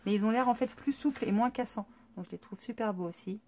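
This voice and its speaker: A woman's voice: a little high, fast, dark tone, a little hiss or hum. A woman YouTuber chatting casually through an unboxing, chatty and enthusiastic, with many fillers. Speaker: craft YouTuber.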